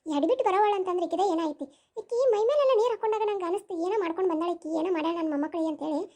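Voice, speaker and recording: Woman voicing a fretful high old cartoon granny. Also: very fast, dark tone. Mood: lamenting. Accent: North Karnataka Kannada. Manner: lamenting, scolding. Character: fretful old grandmother, sharp-tongued but loving.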